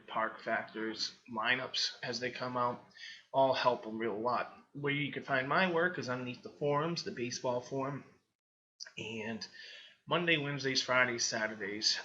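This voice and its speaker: Man, Boston accent, bright tone, dull lo-fi sound, chatty and loose. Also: medium pitch. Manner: chatty, loose, many fillers. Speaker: weather analyst. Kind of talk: casual screen-share commentary.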